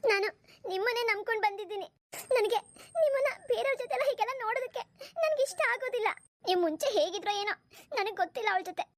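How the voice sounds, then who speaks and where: Woman doing a very high, quick, tearful young bride for a cartoon, reproachful and hurt. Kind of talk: cartoon voice acting.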